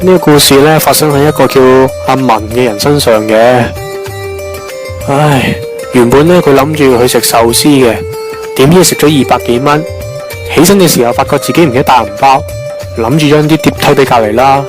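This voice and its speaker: Over music, a man with a Hong Kong Cantonese accent speaks in a mid-range, fairly quick voice that sounds close to everyday speech. He plays a wisecracking young man in an amateur radio drama, rambling through long-winded, absurd jokes with a jokey storytelling air.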